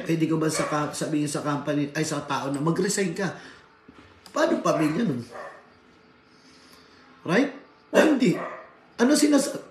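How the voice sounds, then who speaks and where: A man from the Philippines giving a workplace safety seminar lecture, switching between Tagalog and English and often adding tag questions like "right?". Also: fairly high pitch. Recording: echoey room, faint background noise.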